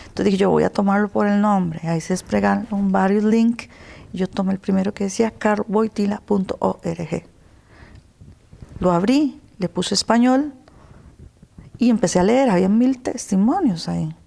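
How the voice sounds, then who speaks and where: A woman with a Costa Rican accent, telling her personal story in an interview, earnest and emotional, at times dropping to a soft whisper. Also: mid-range voice, moderate pace, vocal fry. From Costa Rica. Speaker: interview guest.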